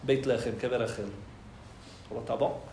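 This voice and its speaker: A man in the middle of a religious storytelling talk, voicing every character in turn and swinging between hushed lines and loud cries. His voice carries a roomy echo, and a faint noise sits underneath. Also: medium pitch, steady tone, moderate pace, creaky. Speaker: rabbi telling a story.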